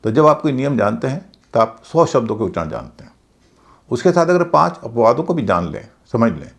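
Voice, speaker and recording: A man's voice: mid-range voice, big pitch swings, brisk, gravelly. A male teacher giving a methodical lesson on English pronunciation, patiently spelling out words letter by letter. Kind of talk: explanatory lesson.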